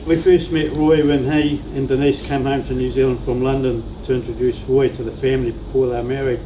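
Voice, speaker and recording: A man, the oldest brother-in-law, giving a steady and lightly humorous eulogy at a funeral. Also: medium pitch, muffled recording. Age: older. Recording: roomy venue heard from a distance with background noise.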